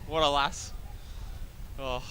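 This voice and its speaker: Bright-voiced Australian sports commentator man. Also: on the high side, fairly even intonation, takes it slowly, clear, resonant tone. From Wollongong, Australia. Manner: chatty, corrects himself often, apologetic asides. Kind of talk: live play-by-play commentary.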